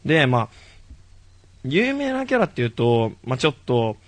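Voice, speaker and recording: Excitable guy rattling off fan chat, bouncy voice, dry close sound. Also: medium pitch, no room sound. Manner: excitable, laughs often, quick banter. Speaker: podcast co-host. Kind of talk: casual chat about an anime concert.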